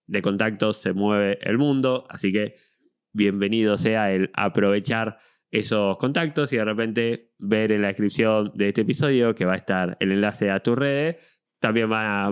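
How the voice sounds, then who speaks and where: Smooth-voiced man hosting an interview. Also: lowish voice. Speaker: podcast host. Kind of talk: casual interview talk.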